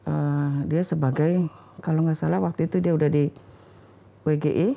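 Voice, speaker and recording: An older Indonesian woman speaks in a relaxed, conversational way, her voice rough with vocal fry. She tells family memories as an interview guest and acts out the dialogue as she goes. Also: sits low, moderate pace. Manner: acts out family dialogue when recalling stories. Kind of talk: casual conversational storytelling.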